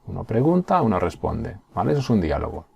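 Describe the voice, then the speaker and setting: Low, warm-voiced teacher. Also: male voice, sing-song, fast talker, creaky, lo-fi sound, a little hiss or hum. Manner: patient, explaining step by step with frequent checks like "¿Mm?" and "¿vale?". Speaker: primary school teacher. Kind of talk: recorded remote class.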